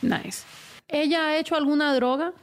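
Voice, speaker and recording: A woman's voice: high-pitched, fairly even intonation, normal speed. A young woman hosting a podcast, chatting casually and swearing freely while switching between Spanish and English. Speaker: podcast host. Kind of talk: casual bilingual podcast chat.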